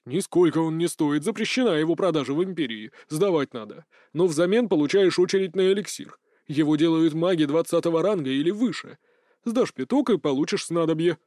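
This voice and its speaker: A man's voice: on the high side, lively intonation, brisk, a little mellow, no echo, clean studio sound, natural voice. A man voicing a fussy expert who lectures and gives orders. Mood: lecturing. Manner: lecturing, bossy. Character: learned man, fussy expert on magic herbs.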